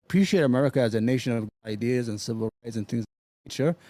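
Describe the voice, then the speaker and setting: A man's voice: medium pitch, quick pace, mellow, dry recording. A man giving his opening statement as a guest in an online debate. His volume jumps up and down because his mic keeps cutting out, and he halts and repeats words when he gets stuck. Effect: uneven volume from a mic that keeps cutting out. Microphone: home computer mic with noise gate.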